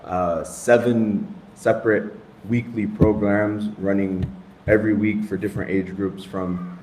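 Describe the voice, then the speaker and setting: Speaking in a fairly low, steady, darkish voice at an unhurried pace, a thirty-something Islamic studies teacher from the United States gives a relaxed introduction of himself to a group. He pokes fun at himself, drifts into side comments and drops Arabic phrases, while the echoey room carries a faint noise.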